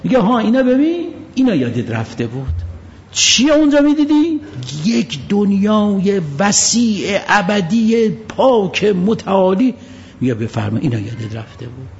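A man preaching a sermon, telling stories in a lively way with sudden changes of tone and pace. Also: on the high side. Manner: lively storytelling with shifts of tone and pace. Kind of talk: religious sermon. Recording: long-reverb hall, dull lo-fi sound, faint noise.

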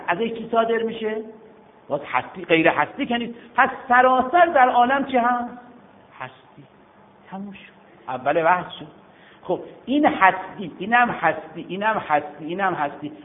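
A man teaching religious philosophy in a lecture, posing questions and answering them himself. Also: sits high. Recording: phone-like lo-fi audio with faint noise.

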